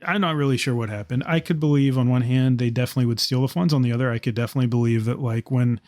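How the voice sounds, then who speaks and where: A man co-hosting a podcast, talking in a relaxed, reflective way with light joking. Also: medium pitch, racing, no room sound, studio quality. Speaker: podcast co-host. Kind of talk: casual podcast discussion.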